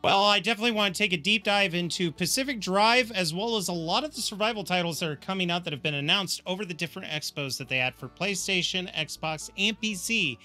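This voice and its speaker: A man co-hosting a podcast, chatting casually and previewing upcoming topics with relaxed enthusiasm. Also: sits high, fast talker, hardly any pauses, faint music behind. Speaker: co-host. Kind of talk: casual show chat.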